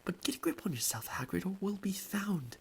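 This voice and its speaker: A man voicing a stern elderly female professor in a high, hurried, scolding whisper. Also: lively intonation, slight background noise.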